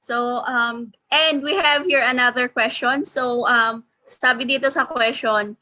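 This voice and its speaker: A woman hosts a question-and-answer session in a slow, deliberate way. Her voice is bright and crisp, and it sounds dry and close on a video call. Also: fairly high pitch, fairly even intonation, no echo, rough recording. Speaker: host of an online huddle. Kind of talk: hosting a Q&A session.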